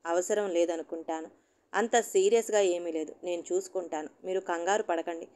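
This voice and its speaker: A woman voicing a young adult daughter who talks gently and reassuringly. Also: fairly low pitch, fairly even intonation, normal speed, natural voice. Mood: caring. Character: calm caring grown daughter, young woman.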